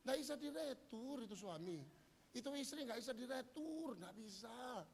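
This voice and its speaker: A man's voice: very high-pitched, animated, normal speed, a little hiss or hum. A middle-aged man preaching in church, joking and acting out little dialogues. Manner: humorous, acts out quoted dialogue. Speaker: pastor. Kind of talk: sermon.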